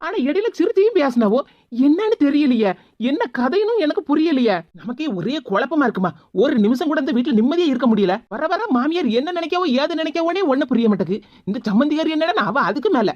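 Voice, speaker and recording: A woman's voice: high-pitched, big pitch swings, fast, darkish tone, no echo, muffled recording. A woman voicing a fretful, put-upon young daughter-in-law in a cartoon comedy. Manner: fretful, complaining.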